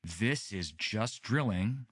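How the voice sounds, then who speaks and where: A man nearing forty talks as a podcast guest, his voice sitting a little low. He tells his stories in a relaxed, easygoing way, often pausing and restarting his sentences. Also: husky. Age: late 30s. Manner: relaxed, unhurried storyteller with many restarts. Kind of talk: casual storytelling interview.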